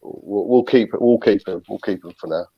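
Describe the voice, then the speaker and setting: A man's voice: fairly low pitch, fairly quick, no room sound, highs cut off. A man from Britain co-hosting a casual call-in chat, laughing often as he talks. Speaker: podcast co-host.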